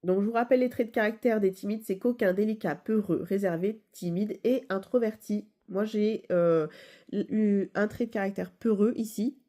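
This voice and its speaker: A woman's voice: medium pitch, normal speed, warm tone. A woman with a stuffy nose from a cold, explaining a game casually with many fillers and self-corrections. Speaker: video game channel host.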